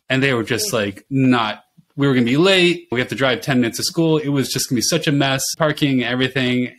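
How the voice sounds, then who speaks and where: A middle-aged man talks as a podcast guest, swapping parenting stories with an easy, animated energy. He laughs readily and his voice sits in an ordinary middle range. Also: medium pitch. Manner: animated storyteller who laughs often. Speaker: podcast guest, pediatric oncology nurse. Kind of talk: casual interview chat.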